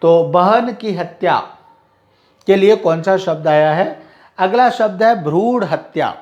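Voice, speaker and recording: A man's voice: high-pitched, slow pace, a little mellow, lo-fi sound. A male teacher giving a vocabulary lesson, spelling out words letter by letter.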